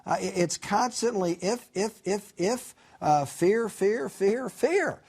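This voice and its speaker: A man's voice: high-pitched, slow pace, husky. A man teaching a college Bible course, telling the stories with animation. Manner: animated storytelling, acts out the characters. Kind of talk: recorded college lecture.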